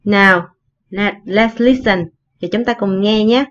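Woman teacher going over english words, says each phrase slow, kinda muffled recording. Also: medium pitch, fairly bright tone. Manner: explains in Vietnamese, repeats English phrases slowly. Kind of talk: recorded online lesson explaining vocabulary.

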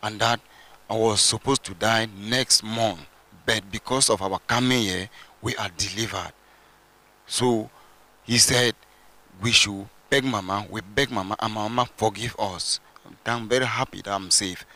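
A young man from Cameroon tells his story plainly into a handheld mic, hesitating at times. His voice sits a little low but has a bright, forward edge. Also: fairly even intonation, unhurried. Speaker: church testimony giver. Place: large church stage indoors.

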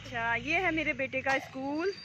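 A woman's voice: high voice, normal speed. A woman from Uttarakhand chatting casually to her phone camera as she walks along an outdoor road, teasing the people she meets. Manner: chatty, teasing, talks to the camera while walking. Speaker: vlogger. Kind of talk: casual walking vlog chat. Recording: noisy outdoor street sound.

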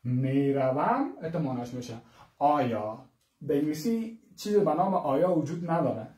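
A man's voice: fairly high pitch, big pitch swings, dark tone, roomy sound, distant mic. Man teaching English grammar. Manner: repeats examples slowly, asks the class rhetorical questions. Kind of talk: grammar lesson.

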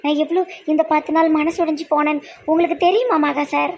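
A woman's voice: high-pitched, steady tone, quick pace, darkish tone. A woman playing a doctor in a comedy skit, scolding and hurt, close to tears.

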